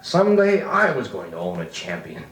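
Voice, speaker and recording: On an echoey vintage record with music, a man plays an adult looking back on his boyhood on a farm. He narrates in a folksy, nostalgic American style reminiscent of old radio drama. His voice sits on the low side with huge pitch swings, at normal speed.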